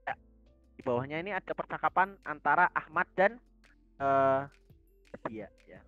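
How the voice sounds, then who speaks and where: Man, Indonesian accent, online language teacher, lively rising voice, dull lo-fi voice chat sound. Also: smooth, no room sound, soft background music. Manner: reads dialogue lines slowly with a raised pitch; explains calmly to the group in a casual way. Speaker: Arabic teacher. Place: voice chat on a community server.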